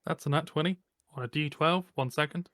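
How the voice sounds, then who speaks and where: A man's voice: on the high side, a little fast, a bit bright, dry recording, clean studio sound. A man chatting casually as a player in a tabletop game. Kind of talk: casual chat during a game.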